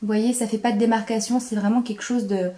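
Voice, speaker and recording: A young woman talking through a makeup tutorial, enthusiastic, repeating words for emphasis and pausing with frequent hesitations. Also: on the high side, fairly even intonation, dark tone. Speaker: beauty vlogger.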